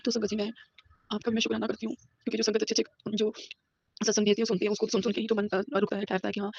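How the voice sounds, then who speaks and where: Rapid, husky woman in her fifties. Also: mid-range voice, darkish tone, muffled recording. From Punjab, India. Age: 50s. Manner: earnest, repetitive, mixes in English words. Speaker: school teacher sharing a devotional testimony. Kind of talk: devotional testimony. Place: a room at home.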